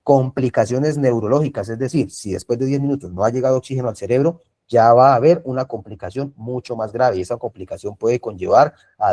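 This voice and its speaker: Man teaching first aid on a video call, mellow voice. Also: medium pitch. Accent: Colombian Spanish. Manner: repetitive, checks in with frequent tag questions. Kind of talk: online class lecture.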